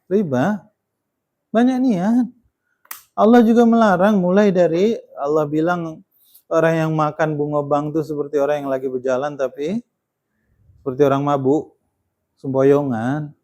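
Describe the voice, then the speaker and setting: A man's voice: a little high, fairly even intonation, moderate pace, pauses often, darkish tone. A man giving a Quran study sermon in a conversational way, often ending points with tag questions and pressing them with emphasis. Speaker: Islamic preacher.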